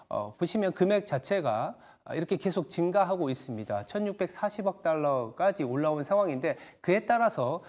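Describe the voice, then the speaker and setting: A man hosting a TV stock market segment, explaining market moves in a measured way with small fillers. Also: high-pitched, a little mellow. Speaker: TV stock market show host. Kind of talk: broadcast market commentary and interview.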